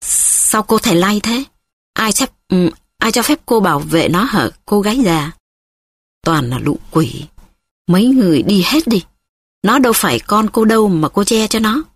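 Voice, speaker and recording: A woman's voice: lively intonation, moderate pace, husky, dry recording. A woman reading an audiobook, voicing a furious, spiteful middle-aged wife who hurls scornful insults. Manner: shrill, scornful, shouting insults.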